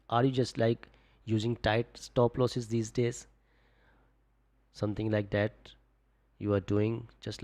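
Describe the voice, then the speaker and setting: Vocal fry colors this young male forex streamer's fairly low voice. Relaxed and casual on his live stream, he covers trades, reads viewer comments, coaches his audience, and keeps saying "just, like."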